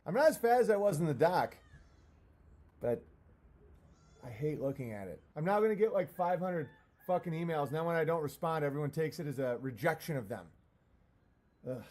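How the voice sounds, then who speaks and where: Higher-voiced man ranting on a livestream. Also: expressive, normal speed, pauses often, a little mellow. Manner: profane, self-deprecating. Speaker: live streamer. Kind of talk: casual livestream rant, answering chat comments.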